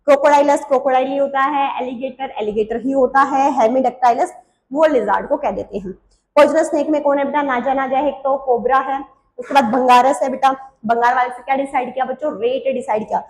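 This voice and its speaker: A woman biology teacher with a Hindi accent, quizzing students with quick questions she answers herself and teaching with playful memory tricks. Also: high-pitched, steady tone, echoey room. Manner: uses playful memory tricks and little stories. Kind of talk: exam-prep biology lesson.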